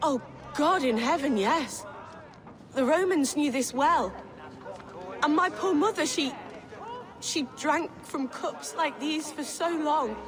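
A grieving, troubled woman in a Viking game. She speaks high, slow and haltingly in a reverberant hall. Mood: dawning horror. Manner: halting, distressed. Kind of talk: dramatic video game acting. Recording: reverberant hall, slightly distant.

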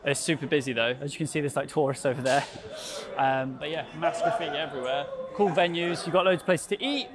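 A man's voice: a little high, steady tone, fast talker. Young man, photographer vlogging on a busy street, casual explainer, crowd noise around. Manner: chatty, explains gear while shooting. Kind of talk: casual vlog commentary. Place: busy London streets and graffiti tunnel, outdoors.

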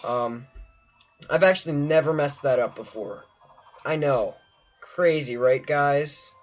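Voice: medium pitch, takes it slowly. A let's play host chatting casually over gameplay and talking to the viewers in a playful way. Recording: muffled lo-fi mic with faint game music.

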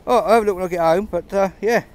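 Outdoors on a pebble beach, a man with a high-pitched voice keeps up fast, casual running commentary as he metal detects, chuckling between finds in a chatty, understated way. The handheld camera stays close, filming his hands.

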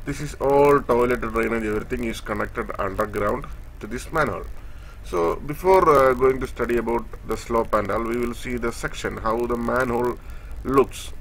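A man giving a screen-share technical tutorial, explaining step by step in a halting way with many fillers as he points across a drawing. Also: medium pitch, vocal fry, fairly bright tone, slight background noise. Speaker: instructor.

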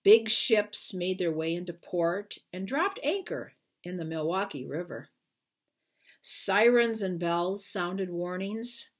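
A woman in her sixties reads a children's storybook aloud with expression, phrasing each line carefully and emphatically. Her voice sits lowish with a breathy edge, and she's indoors in a small furnished room at home.

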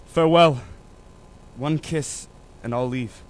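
Brief: a man reading a tender young lover, soft-spoken, mid-pitched voice. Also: normal speed, a little hiss or hum, close to an everyday voice. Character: young lover parting at dawn. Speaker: student actor in a school reading.

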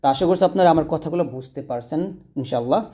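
Man teaching Quran reading, mellow voice. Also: fairly high pitch. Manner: explains step by step, asks and answers own questions, slows to spell out sounds. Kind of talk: spoken lesson to viewers.

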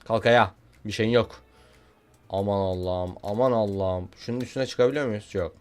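A young man giving casual, excitable commentary while playing a video game, joking and shouting at what happens on screen. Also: on the low side, normal speed, smooth, soft background music. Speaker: gaming YouTuber.

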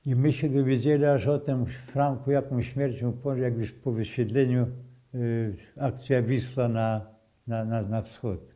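Slow, dark-voiced older man recounting memories. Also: mid-range voice, steady tone. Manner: slow, halting storytelling with restarts and repetitions. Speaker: eyewitness. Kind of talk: oral history testimony.

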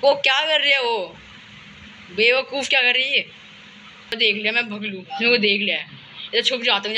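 A young man with an Indian accent giving excited horror game commentary, panicking and urging himself on by name. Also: extremely high pitch, a little hiss or hum. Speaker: gaming channel host.

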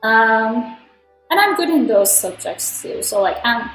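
A woman's voice: a little high, animated, a little slow, a bit bright. A young woman from Turkey chatting casually while playing a cooking game, rambling with lots of fillers. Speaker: gaming vlogger. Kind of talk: casual gameplay commentary. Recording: roomy, music underneath.

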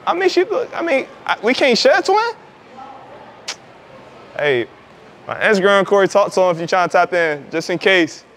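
A man's voice: sits high, big pitch swings, moderate pace, pauses often, fairly bright tone. Brief: young man, slangy prank vlogger, street noise in the background, confident, loose delivery. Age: 20s. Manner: slangy, brash, joking. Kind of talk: street prank vlog, casual chat. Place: indoor mall and outdoor basketball court.

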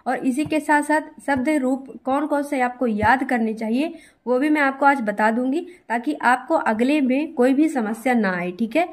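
A woman's voice: high voice, moderate pace. A young adult woman teacher giving an exam-prep grammar lesson, talking straight to her students and reassuring them as she repeats each step. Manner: reassuring, repetitive, addresses students directly.

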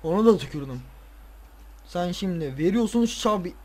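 A tired man playing a football video game, casually commenting, swearing and ranting at the players with excitable outbursts. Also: high voice, normal speed, very noisy. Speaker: gaming video creator.

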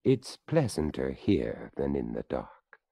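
A man's voice: a bass voice, huge pitch swings, takes it slowly, creaky, dark tone, breathy edge, dry recording, clean studio sound, exaggerated voice. A man voicing a courteous, formal old male skeleton in a storybook reading. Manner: formal, polite.

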